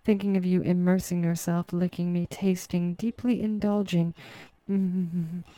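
A woman narrating a slow, guided hypnotic audio in a soft, sultry, commanding manner, close to the mic. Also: lowish voice, flat delivery, no echo.

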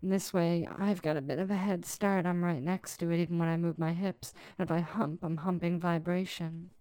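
Sultry woman, smooth, intimate ASMR role-play in-ear. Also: fairly low pitch, steady tone, normal speed, dark tone, rough recording. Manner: intimate, sultry, purring delivery right in the listener's ear.

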